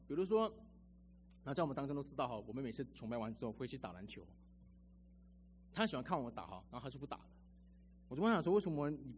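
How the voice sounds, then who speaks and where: A man's voice: mid-range voice, darkish tone, a little hiss or hum. A man preaching a sermon as a pastor, telling personal stories in a chatty way with lots of sentence-final particles.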